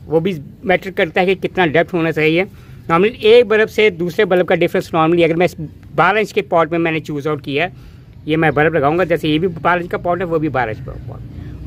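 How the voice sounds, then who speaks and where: A high-voiced man hosting a home gardening channel gives a hands-on demonstration outdoors in a rooftop garden among potted flowers, pointing at pots and bulbs as he explains step by step. He repeats phrases and uses many restarts and filler words. He stays off screen, recorded on a camera phone held close, with a little hiss or hum.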